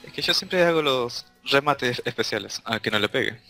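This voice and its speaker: Argentine man, bright sharp voice, short blunt remarks, game music behind. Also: mid-range voice, animated, normal speed. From Buenos Aires province, Argentina. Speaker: guest player. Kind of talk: casual gameplay chat.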